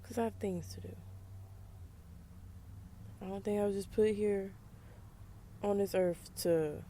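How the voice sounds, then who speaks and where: A woman's voice: mid-range voice, mellow, slight background noise. A woman with a Southern US accent talking frankly and emphatically to camera in a casual monologue, with frequent conversational asides. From United States. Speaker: vlogger.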